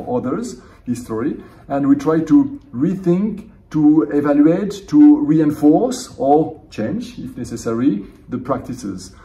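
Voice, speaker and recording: A middle-aged French theology professor and seminary dean answers questions at a conference interview in an indoor room, speaking thoughtfully with a French accent and often restarting phrases. His voice is on the high side with a dark tone, recorded from a distance.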